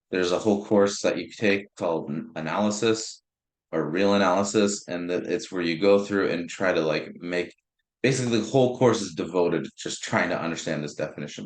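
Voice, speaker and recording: Young male instructor, very low voice, relaxed lecture delivery with restarts, roomy sound. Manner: informal, restarts words, thinks aloud with fillers. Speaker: math instructor. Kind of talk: recorded lecture. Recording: roomy echo.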